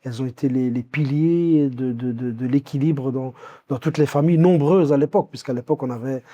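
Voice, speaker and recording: Medium in pitch and mellow, the voice belongs to a Belgian-born guest in his fifties. Telling an interviewer about his life, he falters often, with many fillers, pauses and restarts.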